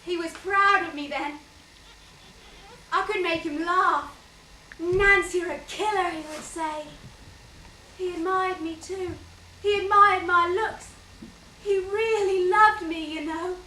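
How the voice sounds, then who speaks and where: Woman doing a wistful mom telling old stories, really high bright voice, slow, echoey stage from far off. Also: fairly even intonation, exaggerated voice. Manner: wistful, storytelling, quotes others fondly. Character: fond mother recalling her courtship. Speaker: stage actor. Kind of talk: stage play acting. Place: theatre stage. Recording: echoey stage miked from far off, light hiss.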